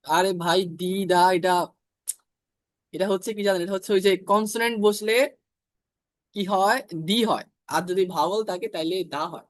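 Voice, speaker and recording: A man teaching an IELTS class, explaining grammar step by step, repeating English examples slowly and checking in often with his students. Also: high-pitched, no room sound. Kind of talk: online class lecture.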